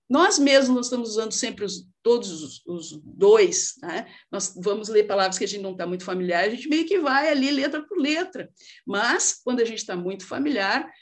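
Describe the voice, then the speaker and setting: Brazilian woman lecturing, fairly high voice. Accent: Brazilian Portuguese. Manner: conversational, many fillers and rhetorical questions. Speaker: lecturer on literacy and child development. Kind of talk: informal lecture presentation.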